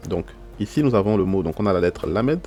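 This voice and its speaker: A man with a deep, low voice teaches an online lesson. He explains patiently and step by step, often pausing to check that listeners follow. Faint music plays under his voice. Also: animated, a little mellow. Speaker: Hebrew teacher.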